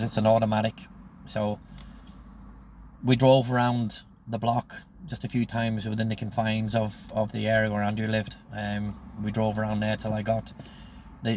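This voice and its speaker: With a fairly low voice and slight background noise, a Northern Irish man of sixty delivers a casual, meandering monologue of personal anecdotes. He quotes remembered exchanges, playing out the dialogue as he goes.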